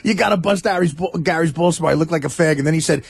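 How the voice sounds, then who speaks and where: Male radio regular, high and gravelly, excitable storyteller on a studio mic. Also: fast. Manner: excitable storyteller, laughs while talking. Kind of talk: live radio banter. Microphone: studio microphone.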